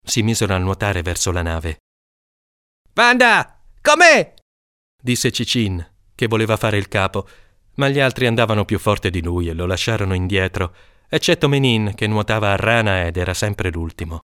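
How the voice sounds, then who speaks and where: Low-voiced man reading a story. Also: clear, resonant tone, no echo, studio quality. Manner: measured, calm reading that lifts into high voices for children's shouts. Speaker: audiobook reader. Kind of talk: literary short story narration.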